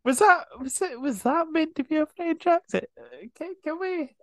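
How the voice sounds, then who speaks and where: A man's voice: very high voice, sing-song, normal speed, fairly bright tone, slight background noise. A man hosting a podcast, casually reacting to clips with rambling, sweary asides. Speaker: podcast host.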